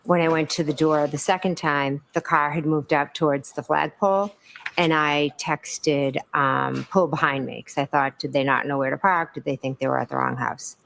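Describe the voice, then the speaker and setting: Woman, courtroom witness, very low voice, gravelly fry, careful hesitant answers, apologetic. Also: steady tone, normal speed, fairly bright tone, slight background noise. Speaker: witness testifying. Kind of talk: courtroom testimony.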